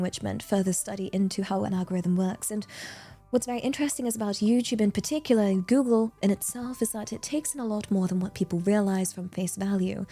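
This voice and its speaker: A woman's voice: medium pitch, mellow, lightly acted. A woman streamer putting on a British received pronunciation voice like a prim newsreader, chatting in a rambling, well-spoken way. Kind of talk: livestream chat in a put-on accent.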